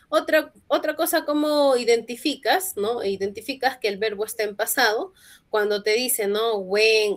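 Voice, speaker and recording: A woman's voice: medium pitch, a bit bright. A woman English teacher, patiently explaining grammar in a classroom lesson and often checking with short tag questions.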